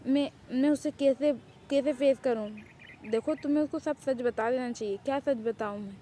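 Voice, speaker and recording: A woman's voice: sits high, warm tone, slight background noise, lightly acted. A woman playing a young woman doctor who pleads and stammers anxiously, in an amateur fan drama. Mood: worried.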